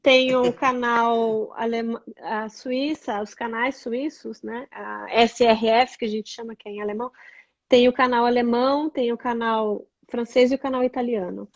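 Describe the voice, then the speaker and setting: A woman's voice: a little high, fairly even intonation, normal speed, no echo, highs cut off. A woman from southern Brazil, a blogger and tour guide, chatting as an interview guest and explaining things with many tag questions. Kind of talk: casual interview over a call.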